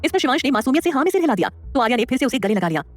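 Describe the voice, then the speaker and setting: A woman narrating a dramatic audio story in a lively way, voicing the characters. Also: high-pitched, racing.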